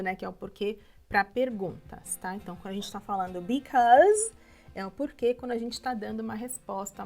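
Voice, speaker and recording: Brazilian woman teaching english, slow and patient, a bit of fry in her voice. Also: a little high. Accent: Brazilian Portuguese. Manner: explains patiently, with frequent "tá?" and "né?" checks. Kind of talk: online English lesson.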